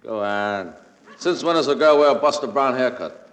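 A man's voice: mid-range voice, normal speed, fairly bright tone, a little hiss or hum. A man with a Brooklyn accent doing a brash, wisecracking comic monologue on an old, echoey radio broadcast with a studio audience. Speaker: comedian.

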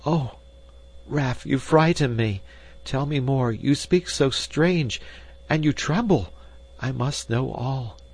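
A man reading aloud, voicing a worried, caring wife in a raised, gentle voice. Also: lively intonation, unhurried, low-quality recording. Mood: pleading. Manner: gentle, pleading, higher voice. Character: anxious caring Dutch wife, middle-aged. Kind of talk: audiobook character voice.

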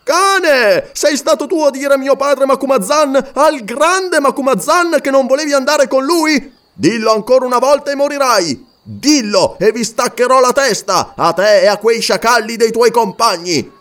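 Guy putting on a fierce warrior chief, roaring and threatening, high and lively, storybook reading. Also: takes it slowly, full character voice. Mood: furious. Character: fierce proud male warrior chief, hot-tempered.

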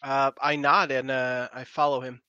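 A man playing a tabletop game, speaking in a hesitant, halting way. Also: medium pitch, flat delivery, sharp tone, clear, resonant tone, no echo, highs cut off. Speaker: player.

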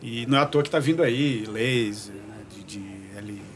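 A man's voice: medium pitch, normal speed. A man in casual podcast conversation, hesitant and full of fillers and tag questions as he thinks aloud.

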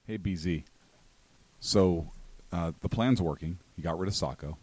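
A man chatting casually on the radio in a halting, deadpan way. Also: low-pitched, slightly rough, dry recording.

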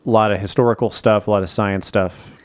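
A man's voice: lowish voice, steady tone, a little fast. A man co-hosting a podcast, chatting casually with dry humor. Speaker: podcast co-host. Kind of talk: casual chat.

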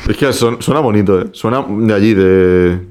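A man's voice: on the low side, normal speed, a little mellow. A young man co-hosting a podcast, chatting casually, joking and swearing with slang. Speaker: podcast co-host. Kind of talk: casual chat.

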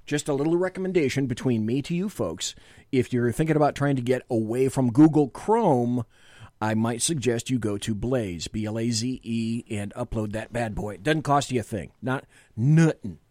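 A man's voice: mid-range voice, moderate pace, darkish tone, dry recording. A man co-hosting a political talk show in a small studio, chatting casually in a self-deprecating way that rambles with restarts.

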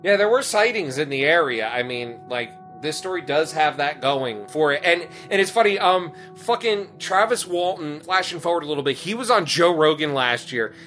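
A man's voice: on the high side, expressive, normal speed, hardly any pauses, a bit bright, soft background music. A man co-hosting a podcast in casual comedic chat, sarcastic and swearing often. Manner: sarcastic, swears a lot, jokey impressions. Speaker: podcast co-host.

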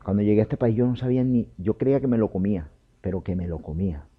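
A man with a fairly low voice delivers a fervent religious testimony, turning again and again to the listener as his brother and urging him on. The recording sounds muffled and lo-fi. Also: lively intonation, quick pace, husky. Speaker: preacher giving a personal testimony. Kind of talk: emotional testimony and exhortation. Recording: dull lo-fi recording.

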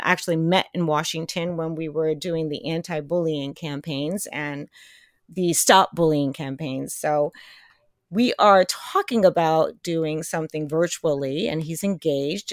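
A woman's voice: lowish voice, dry recording. A woman hosting a podcast interview, chatty and encouraging, who talks straight to her listeners. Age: older than her guest. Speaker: podcast host. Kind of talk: casual interview chat.

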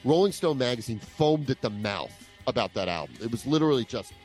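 A man's voice: medium pitch, sing-song, fairly quick, a little mellow. A man co-hosting a podcast, casually chatting and sharing music trivia. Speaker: co-host of a music countdown podcast. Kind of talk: casual chat.

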